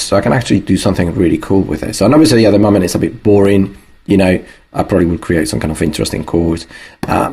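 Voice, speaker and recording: A man's voice: on the low side, a little mellow, slightly rough. A man talking through a music production tutorial in a loose, thinking-aloud way, with plenty of fillers. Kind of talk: casual screen-recorded tutorial.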